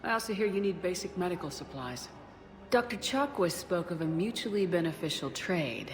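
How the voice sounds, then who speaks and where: A woman's voice: on the low side, lively intonation, moderate pace, soft background music, close to an everyday voice. A woman playing a confident military commander in a video game, composed and direct with a dry wit. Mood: firm. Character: steady, wry female military commander, confident.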